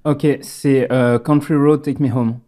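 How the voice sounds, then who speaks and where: A male guest in a relaxed podcast quiz who gives short, sure answers. His voice is dark and mellow at a middle pitch. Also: a little slow. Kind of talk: casual chat.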